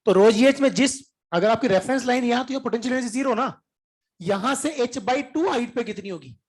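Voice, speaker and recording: This physics teacher has a very high-pitched voice and speaks a little fast. His lecture is informal and chatty, sprinkled with English terms and occasional throat-clearing, and he keeps checking whether the class is following.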